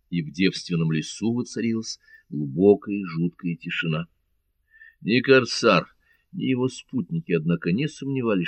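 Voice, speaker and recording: A male narrator reading an adventure novel aloud in a measured, dramatic way. His voice sits low. The recording is dry and close, with no room sound. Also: no room sound. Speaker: audiobook narrator.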